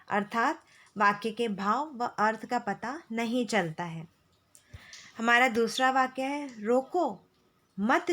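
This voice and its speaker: A woman teacher explaining grammar to schoolchildren, slow and patient, repeating key phrases. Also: a little high, a bit bright. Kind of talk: classroom lesson explaining grammar.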